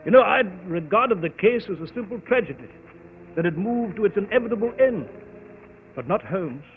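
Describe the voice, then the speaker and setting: An actor playing an earnest, fussy, easily flustered doctor sidekick, acting and narrating in a 1940s radio mystery. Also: male voice, sits high, expressive, normal speed. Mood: earnest storytelling. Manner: hesitant, fussy, storytelling. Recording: tinny, noisy old 1940s radio broadcast.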